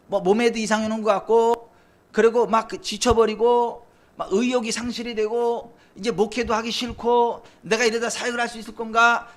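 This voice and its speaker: A male pastor preaching a sermon, swinging between loud, fervent cries and quiet, low asides. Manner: impassioned, swings from loud cries to near whispers. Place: church sanctuary.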